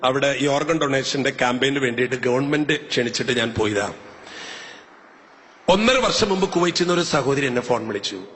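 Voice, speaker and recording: A man preaching as a priest with a Malayali accent, telling stories in an animated way and breaking into high, shouted hallelujahs. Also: normal speed, a little hiss or hum. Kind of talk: sermon with anecdotes. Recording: long hall reverb, faint ambience.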